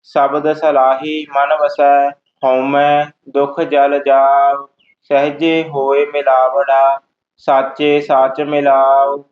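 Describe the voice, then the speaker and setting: A man chants scripture in an extremely flat monotone at a very slow pace. His voice has a middle pitch. The audio is thin and phone-like. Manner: very slow, monotone, measured reading. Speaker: student reciter.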